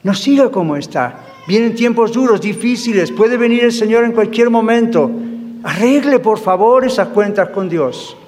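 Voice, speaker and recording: A man preaching a sermon as pastor, impassioned and pleading, dropping to a hushed prayer and rising again. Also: high voice, lively intonation, normal speed, big-room sound. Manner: impassioned, pleading, dramatic swings between loud and hushed. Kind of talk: radio sermon with closing prayer.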